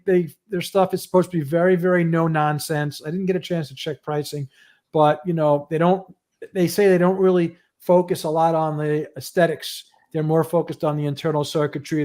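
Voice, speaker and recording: A man's voice: fairly high pitch, darkish tone. A man hosting a livestream show, giving audio news in a loose, rambling casual chat.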